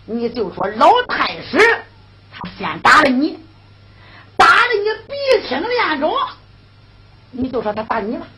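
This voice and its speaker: A woman's voice: high-pitched, big pitch swings, measured pace, long pauses, pushed and bright, pitched below the performer's own voice, exaggerated voice. Woman playing a sly coaxing court minister. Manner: coaxing, conspiratorial.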